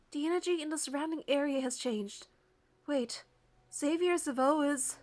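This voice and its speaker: A high-voiced woman narrates a first-person story from a script, reading it with expressive, suspenseful drama.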